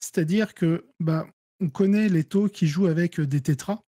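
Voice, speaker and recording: A French-accented man talking through strategy for a tabletop wargame in a relaxed, mellow voice. He explains things step by step, trailing off into fillers and restarting his sentences. The sound is dry and close. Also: a little high, normal speed, no echo. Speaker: guest player. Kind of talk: casual gaming discussion.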